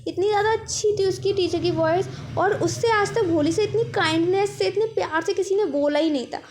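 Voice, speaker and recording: A young woman teaches a story chapter in a very high voice. She explains patiently and slips into the characters' lines as she goes. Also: brisk. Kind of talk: chapter summary lesson.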